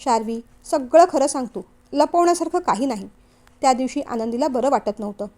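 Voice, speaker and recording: A steady devoted young son, firm and earnest in an audio novel, a woman voicing him in a high, light voice. he talks plainly and means every word. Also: brisk, natural voice.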